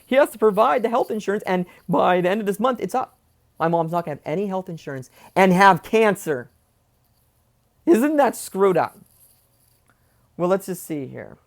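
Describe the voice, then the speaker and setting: An angry young man rants into the camera, swearing freely and veering off on tangents. His voice has a gravelly rasp and swings widely in pitch as he vents. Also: expressive, normal speed, long pauses. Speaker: vlogger. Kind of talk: ranting personal vlog.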